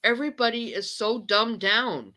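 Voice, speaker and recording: A woman's voice: on the high side, expressive, moderate pace, sharp tone, rough recording. A woman hosting her channel, speaking emotionally in an impassioned monologue that keeps stumbling, repeating and restarting. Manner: ranting, repeats itself and restarts sentences. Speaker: channel host. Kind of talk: impassioned monologue on a live chat.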